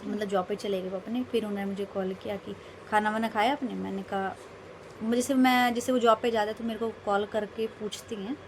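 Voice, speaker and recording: A woman's voice: mid-range voice, flat delivery, a little fast, slight background noise. A young woman vlogging casually, telling a rambling, emphatic story about her day. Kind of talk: casual vlog monologue.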